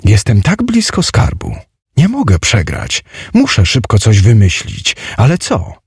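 A man voicing an eager male adventurer hunting treasure, talking in a bright, pleading, questioning way in an audiobook. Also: on the low side, huge pitch swings, a little slow, creaky, slightly rough, no room sound, studio quality, full character voice. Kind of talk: audiobook character voice.

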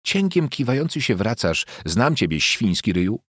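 A man reading an audiobook, voicing a shrill, sharp-tongued peasant wife who scolds and mocks her husband. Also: very animated, normal speed, husky, dry recording, clean studio sound, full character voice. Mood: mocking. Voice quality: shrill, mocking and jeering.

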